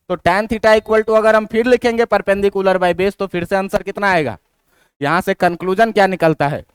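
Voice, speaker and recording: Male physics tutor, crisp voice, dry close sound. Lectures, asks and answers his own questions. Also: high-pitched, no echo. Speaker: physics teacher. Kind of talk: classroom lecture.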